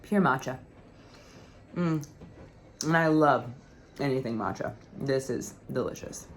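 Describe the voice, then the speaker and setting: A woman's voice: a bass voice, unhurried, slight background noise. A young woman vlogging casually at home, chatty and laughing often. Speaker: travel vlogger. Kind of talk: casual vlog chat. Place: rented flat indoors.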